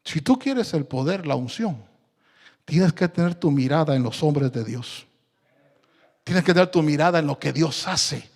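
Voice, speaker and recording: Male pastor, high and lively voice, dramatic sermon delivery with questions to the congregation. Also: measured pace, long reverb tail. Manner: rhetorical questions to the congregation, dramatic swings in loudness. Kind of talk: evangelical sermon.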